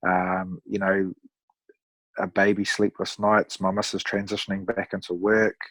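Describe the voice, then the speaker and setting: A man in his thirties with a broad New Zealand accent, chatting casually as a podcast guest in a laid-back, matey, rough-around-the-edges way. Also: deep voice, little pitch movement, measured pace, a bit bright, no echo. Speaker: podcast guest, amateur endurance athlete. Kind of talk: casual conversational storytelling.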